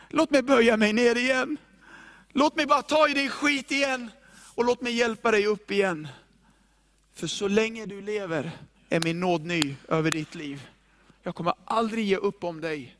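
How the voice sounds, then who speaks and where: A patient, forgiving God reassures a fallen sinner in a fairly high male voice, as a preacher puts him on. The tone is tender and emphatic. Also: pauses often, fairly bright tone.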